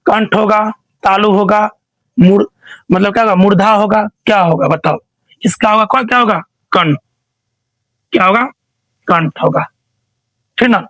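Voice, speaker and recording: High-voiced man quizzing an online class. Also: measured pace, pauses often, a bit bright, no echo, rough recording. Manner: asks questions repeatedly, prompts students to answer. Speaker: teacher. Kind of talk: online class quiz revision.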